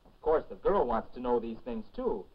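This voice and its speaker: A man's voice: mid-range voice, very animated, normal speed, husky. An actor playing a teenage boy's grown-up future self, patiently explaining good manners in 1950s educational film narration. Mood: earnest, coaxing. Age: young adult. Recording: dull lo-fi 1950s film soundtrack.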